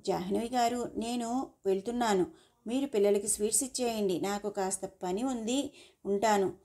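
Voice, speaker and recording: Woman reading as a cheeky, teasing young man, mock-polite, mellow tone, storybook. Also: mid-range voice, normal speed, close to an everyday voice.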